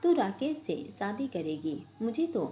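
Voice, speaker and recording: A woman's voice: medium pitch, big pitch swings, measured pace, mellow, slight background noise. A woman voicing a bold, playful young woman who sulks and boasts, in a storybook reading. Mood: sassy. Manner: sassy, sulky, playful. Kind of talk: storybook voice acting.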